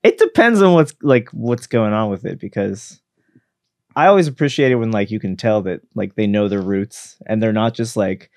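A man's voice: lowish voice, lively intonation, moderate pace, darkish tone, no echo. Easygoing man in his thirties, dry sound. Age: 30s. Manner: easygoing, laughs often. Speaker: band member guest. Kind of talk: casual chat.

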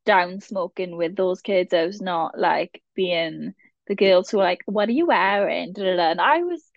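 A Welsh Valleys woman in her twenties speaks at normal speed in a fairly low, gravelly voice. As a podcast guest in casual chat, she's chatty and rambly, often laughing at herself. The recording is dry and somewhat muffled.

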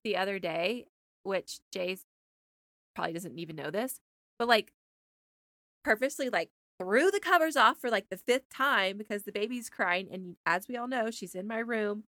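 A woman's voice: medium pitch, bright, forceful tone, dry recording. A woman in her thirties co-hosting a podcast, chatting casually and filling her talk with "like". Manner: chatty, fills with "like". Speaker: podcast co-host. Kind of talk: casual chat.

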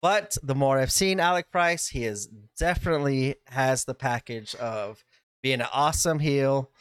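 Casting note: male podcast co-host, smooth clear voice, dry close sound, rambling casual delivery. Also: medium pitch, normal speed, no room sound. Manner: rambling, many fillers and restarts. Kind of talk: casual chat.

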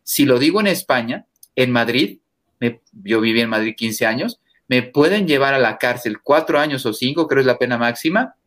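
Emphatic priest speaking forcefully. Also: male voice, expressive, moderate pace. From Mexico. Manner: emphatic, forceful, rises in pitch when stressing points. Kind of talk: interview guest, impassioned preaching talk.

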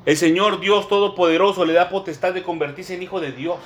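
A man delivers a sermon in a somewhat higher voice than most men. He reads scripture slowly and with weight, dropping soft asides to the brethren between phrases. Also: fairly even intonation, a little hiss or hum. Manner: addresses listeners as brothers, slow emphatic Bible reading. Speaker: preacher.

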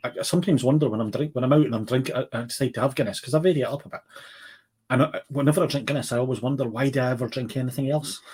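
A man's voice: medium pitch, racing, darkish tone, slightly rough. A Scottish man co-hosting a casual chat, speaking bluntly and repeating words for emphasis. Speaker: podcast co-host.

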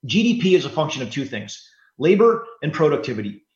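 A man in his forties, a guest author on an interview podcast, explaining in an earnest, steady way. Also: on the high side, fairly quick. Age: 40s. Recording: roomy, slightly dull sound.

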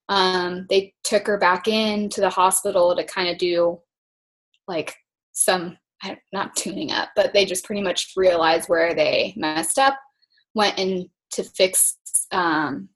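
Thirty-one-year-old woman explaining calmly. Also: lowish voice. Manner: measured, explaining step by step with fillers. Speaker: interviewee. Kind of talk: casual conversation.

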